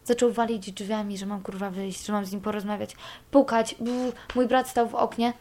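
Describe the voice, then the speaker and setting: A woman's voice: medium pitch, fairly even intonation, moderate pace, darkish tone. A young woman giving a candid personal account, cursing freely as she talks. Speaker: interviewee.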